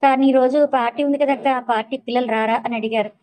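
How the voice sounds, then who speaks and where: Woman doing middle-aged mother, agreeable, reassuring, sly, fast talk. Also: a little high, fairly even intonation, a little mellow, lightly acted, poor audio.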